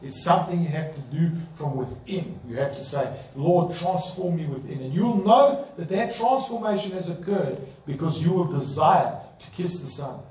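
A man with a high voice preaches a sermon, pressing his points with emphatic rhetorical questions. He is picked up from some distance, and the church hall around him rings with echo. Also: sing-song, moderate pace, few pauses, darkish tone. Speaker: pastor. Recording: echoey room, voice from a distance.

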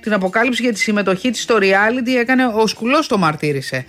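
A woman's voice: a little high, lively intonation, fairly bright tone. A woman trades celebrity gossip as a show co-host, chatty and playfully indignant. A faint music bed runs under her voice. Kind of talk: casual celebrity gossip chat.

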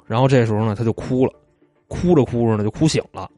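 A man's voice: mid-range voice, fast talker, warm tone, no room sound, faint music behind. A man, telling stories in a casual chat, retelling them loosely with asides. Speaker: storyteller.

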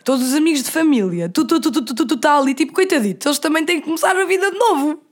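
Fast-talking young Portuguese woman, high voice. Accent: European Portuguese, Caldas da Rainha. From Caldas da Rainha, Portugal. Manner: animated, imitates voices, quick slangy banter. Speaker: podcast co-host. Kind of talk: casual chat.

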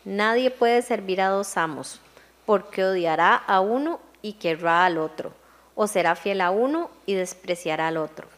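A woman reading Bible verses aloud in a steady, measured way during a sermon. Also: mid-range voice. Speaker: scripture reader.

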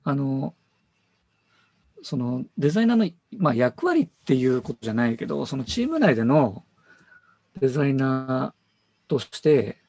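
A man's voice: medium pitch, sing-song, moderate pace, pauses often, mellow, slightly rough, no room sound. A man who works as a designer, talking casually about his work and thinking aloud with fillers and self-corrections.

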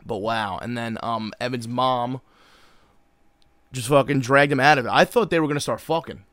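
A young American man talks in full frat-bro mode, loose and slangy with swearing sprinkled all through. His voice sits at an average male pitch in a close, dry recording, like a co-host chatting casually on a podcast. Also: normal speed, fairly bright tone, no room sound. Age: young adult. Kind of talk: casual chat recapping a show.

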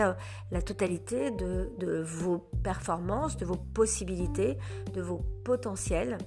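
A woman podcast host giving advice informally and haltingly, with a honking, duck-like nasal voice stuffed up by a cold. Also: mid-range voice. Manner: halting, searching for words.

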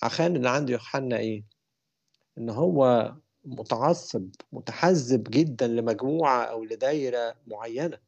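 A man's voice: medium pitch, moderate pace, vocal fry, darkish tone, dull audio. A man with an Egyptian Arabic accent preaching a colloquial sermon in a conversational way, often putting questions to his listeners.

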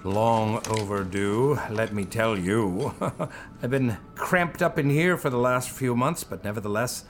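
A man voicing a theatrical, eccentric male host character who talks in a grandiose, drawn-out way over a music bed. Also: lightly acted. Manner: grandiose, drawn-out, sweeping pitch.

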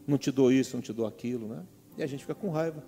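A man's voice: medium pitch, very fast, dark tone. A middle-aged man with a Brazilian Portuguese accent preaching a sermon as pastor, calling out to the congregation with repeated questions. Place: church hall. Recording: long hall reverb with faint music.

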